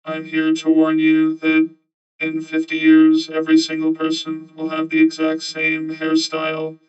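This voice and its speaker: A man's voice: fairly high pitch, monotone, a little slow. A male streamer talking through a voice changer that morphs his voice, playfully trying out silly voices. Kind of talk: casual live-stream banter. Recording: dull lo-fi sound with loud music. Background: music playing.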